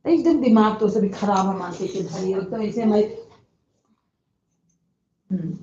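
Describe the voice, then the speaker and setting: A woman's voice: medium pitch, unhurried, mellow, dull audio, a little hiss or hum. A woman hosting a casual live stream, chatting with viewers and scolding and soothing children in between.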